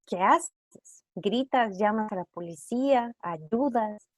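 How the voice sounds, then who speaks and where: Leading a trauma-informed care workshop by video call, this woman speaks in a mid-range voice with lively intonation. She peppers her audience with rapid rhetorical questions. There's no echo on the recording.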